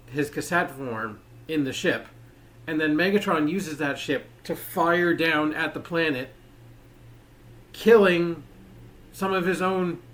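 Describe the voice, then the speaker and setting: A man's voice: fairly high pitch, fairly bright tone. A man giving a casual toy review, rambling and leaning on filler words.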